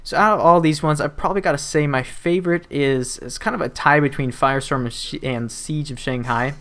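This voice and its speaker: A man's voice: fairly high pitch, fairly quick, a bit bright. A young man, talking casually over his gameplay footage as a gaming YouTuber, rambling with plenty of fillers and joking asides. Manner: rambling and chatty, with frequent fillers and restarts and playful asides.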